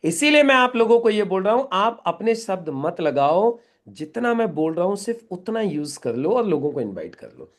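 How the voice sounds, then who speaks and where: A man's voice: sits high, big pitch swings, moderate pace. A middle-aged man leading a live training session in a meeting room, instructing the group and quizzing them with questions.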